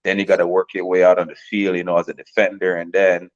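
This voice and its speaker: Man in his thirties, from Jamaica, very low voice, casual rambling talk, slightly dull lo-fi sound. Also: fast. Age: 30s. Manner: relaxed, rambling with many fillers and repeated words. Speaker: professional soccer player, guest.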